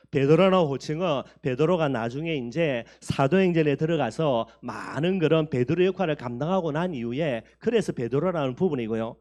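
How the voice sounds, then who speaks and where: A man's voice: on the high side, darkish tone. A man preaching as pastor, asking the congregation questions and answering them himself, and acting out the figures in the text. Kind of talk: sermon.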